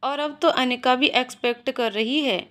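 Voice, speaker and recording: Lady reading as a teasing young husband, low and soft, pitch still a bit up, storybook romance. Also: moderate pace.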